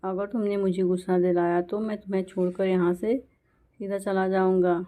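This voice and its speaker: Woman doing a grumpy husband sparrow, dark mellow voice, scolding. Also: medium pitch, flat delivery, moderate pace, lightly acted. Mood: irritated. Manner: scolding, threatening. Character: male sparrow husband, short-tempered, pushy.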